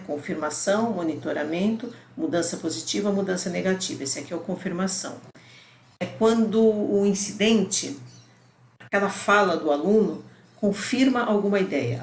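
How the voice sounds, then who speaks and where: A woman's voice: on the low side, a little mellow. Woman lecturing in a roomy space. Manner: explanatory, conversational, frequent "né?" and "ó". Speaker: university lecturer. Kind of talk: recorded online lecture. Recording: roomy echo with faint background noise.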